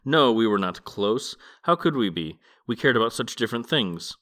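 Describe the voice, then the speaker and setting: A man's voice: mid-range voice, animated, moderate pace, fairly bright tone, natural voice. A man voicing a weary, brooding old male god in a podcast book reading, keeping close to his own reading voice.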